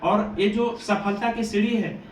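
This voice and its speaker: Earnest high-voiced man from Bihar. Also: steady tone, measured pace. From Bihar, India. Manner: earnest, devotional, preachy. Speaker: coaching institute teacher. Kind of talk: motivational address to students. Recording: echoey room, distant mic, faint ambient noise.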